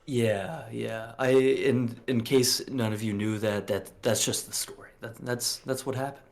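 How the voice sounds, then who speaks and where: A man's voice: medium pitch, fairly even intonation, measured pace, gravelly. Late-20s guy cohosting a podcast, mid voice, rambles with lots of uhs, then gets preachy and cusses. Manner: blunt, profane and preachy, with many fillers. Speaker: podcast co-host. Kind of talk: casual podcast chat.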